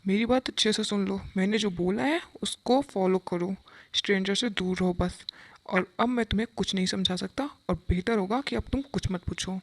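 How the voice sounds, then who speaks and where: A woman's voice: medium pitch, no echo, lightly acted. Woman voicing a stern secretive businessman dad. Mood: angry. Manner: scolding, commanding, grows heated and fast. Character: stern businessman father, short-tempered and secretive. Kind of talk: Hindi fan-dub audio drama.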